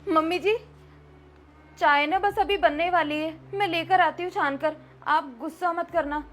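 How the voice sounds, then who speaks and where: A woman's voice: extremely high pitch, steady tone, measured pace. Woman playing a timid young daughter-in-law. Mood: anxious, polite. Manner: meek, polite, eager to please. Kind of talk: amateur family melodrama acting.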